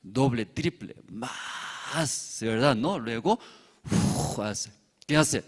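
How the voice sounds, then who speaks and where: A man's voice: medium pitch, animated, slow pace, long reverb tail. A man preaching as a pastor, telling a fable and checking with his congregation through constant tag questions. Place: church hall.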